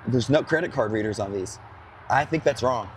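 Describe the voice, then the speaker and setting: A hoarse man who is losing his voice, co-hosting outdoors at a charging station in a chatty, rambling way. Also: medium pitch, animated, normal speed, a little hiss or hum. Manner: chatty, rambling, full of fillers. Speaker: co-host. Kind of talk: casual explanatory chat.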